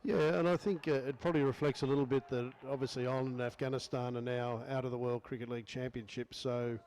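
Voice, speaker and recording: An Australian man speaking as a guest cricket commentator, understated and quiet, with plenty of fillers. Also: medium pitch, fairly even intonation, fast talker, slight background noise, low-quality recording. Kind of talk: casual expert commentary. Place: commentary position at a cricket ground.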